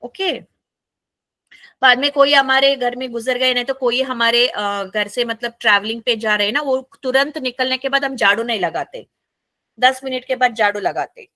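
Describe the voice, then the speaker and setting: High, bright-voiced South Indian woman teaching. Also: normal speed, dry recording. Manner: animated, mixes English into Hindi, asks "right?" often. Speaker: facilitator leading a group session for seniors. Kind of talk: conversational lesson to a group.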